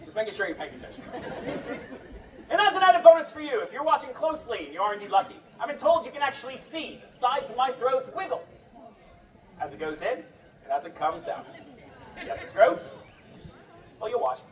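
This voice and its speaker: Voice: medium pitch, big pitch swings, fairly quick, pauses often. A sword swallower giving comic live stage patter to a festival crowd, with a showman's wry, joking banter. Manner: sword swallower's showman delivery addressing onlookers. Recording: roomy, distant mic with crowd noise.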